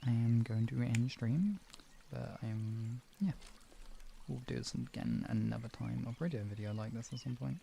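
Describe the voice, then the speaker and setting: A creaky, warm mid-range male voice at normal speed, with some hiss or hum in the background. He's hosting a live stream and guiding relaxation, chatting off the cuff with viewers and often wandering off before finishing a thought.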